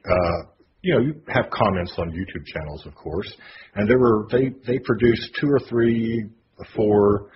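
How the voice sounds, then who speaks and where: A man with a very deep voice hosts a casual podcast, reading out quotes and pausing often on fillers. The recording is dull and lo-fi, with steady noise underneath. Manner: hesitant, many fillers, reads quotes aloud. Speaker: podcast host.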